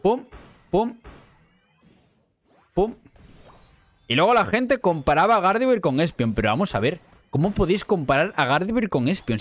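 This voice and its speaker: Excitable Spanish gamer man, lively pitch. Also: no echo. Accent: Spain Spanish. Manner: excitable, swings between muttering and shouting. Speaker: gaming YouTuber. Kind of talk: live gameplay commentary.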